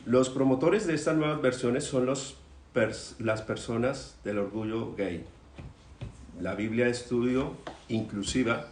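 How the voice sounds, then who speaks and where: A man's voice: mid-range voice, slight background noise. A man earnestly sharing news in a church Bible study discussion, often stumbling and repeating words. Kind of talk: group discussion. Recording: roomy recording.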